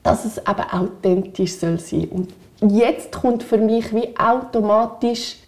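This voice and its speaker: A woman with a Swiss German accent co-hosts a relaxed podcast conversation. Her voice sits fairly high but sounds soft and warm. She speaks candidly and strings her thoughts together in long, winding clauses. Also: measured pace. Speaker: podcast co-host. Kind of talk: reflective casual chat.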